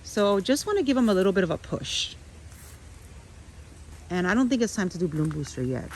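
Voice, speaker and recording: This orchid-growing vlogger, a middle-aged woman, talks a little fast at medium pitch with big swings in her intonation. She walks her outdoor garden on a windy morning, chatting to viewers with restarts and asides, over poor audio with a little hiss or hum.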